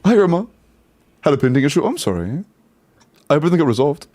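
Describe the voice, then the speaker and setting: A man's voice: a little high, big pitch swings, fast, a little mellow, a little hiss or hum. A man streaming a game, talking casually to his chat over a headset mic, stumbling and repeating words as he reacts. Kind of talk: casual livestream commentary while playing. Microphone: headset mic on a livestream.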